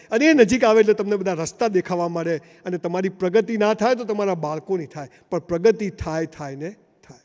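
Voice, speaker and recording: High-voiced man giving a motivational speech. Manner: storytelling with acted dialogue, rising to emphatic calls. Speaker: motivational speaker. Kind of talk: motivational speech to a live audience. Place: large hall, before a seated audience. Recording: long hall reverb.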